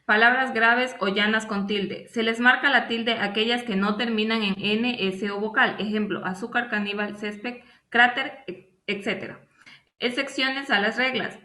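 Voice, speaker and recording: A woman's voice: medium pitch, bright, forceful tone, reverberant. A woman student presenter reading a class presentation, listing examples one by one. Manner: reads definitions and lists examples one by one.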